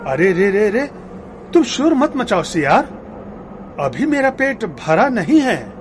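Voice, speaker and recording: A man's voice: sits high, over music, heavily acted. Man voicing a big kindly cartoon camel. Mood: friendly. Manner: friendly, slow and lively. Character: big trusting good-natured male camel.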